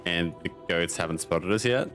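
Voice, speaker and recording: Low voiced guy playing a tabletop game, unhurried casual chat, music clearly behind him. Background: background music.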